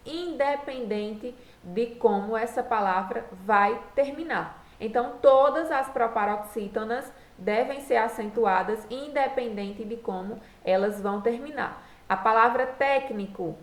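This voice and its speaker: A woman teaching a recorded lesson, patiently walking through each rule step by step. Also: a little high. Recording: echoey room.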